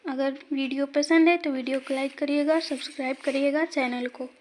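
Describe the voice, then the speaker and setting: A woman's voice: high voice, steady tone, normal speed, darkish tone, a little hiss or hum. A woman teaching an exam-prep lesson, sounding out each letter carefully and speaking directly to her viewers. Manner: addresses viewers directly, asks them to say sounds aloud.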